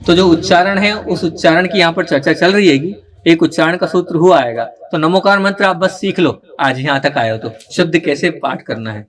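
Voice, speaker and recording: Man teaching a group, higher voice. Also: a little fast, few pauses. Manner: explanatory, coaxing, checks in with listeners often. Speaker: teacher of religious recitation. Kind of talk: live teaching talk to a group.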